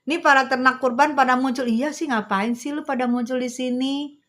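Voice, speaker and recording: A middle-aged woman hosting a livestream on a phone, chatting with viewers in a sassy, teasing, slangy manner and speaking slowly and carefully. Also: sits high, fairly even intonation, a bit bright. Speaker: livestream host. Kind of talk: casual livestream chat reading viewer comments.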